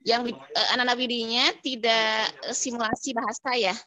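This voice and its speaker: A woman's voice: on the high side, fairly even intonation, moderate pace, pushed and bright, poor audio. Woman on a choppy, cutting-out call. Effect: choppy video-call audio cutting out. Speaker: meeting participant. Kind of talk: online planning meeting. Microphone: video call.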